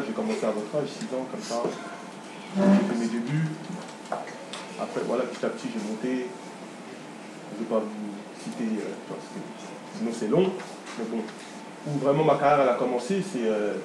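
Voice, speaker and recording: A young man from France talks casually to a group of kids, hesitant and full of fillers. He sounds far from the mic in a reverberant room. Steady background noise runs underneath. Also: mid-range voice, moderate pace, long pauses. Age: 20s. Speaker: guest footballer. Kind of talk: informal talk to kids.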